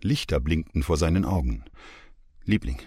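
A man reading an audiobook novel in an expressive, measured narration. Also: sits low, husky, dry recording, studio quality.

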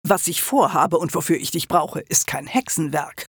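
A man's voice: fairly high pitch, lively intonation, normal speed, a bit bright, breathy edge, no room sound, clean studio sound, heavily acted. A man voicing an ancient, smug male wizard hologram who talks down to people in a lecturing way, in an audiobook. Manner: condescending, lecturing.

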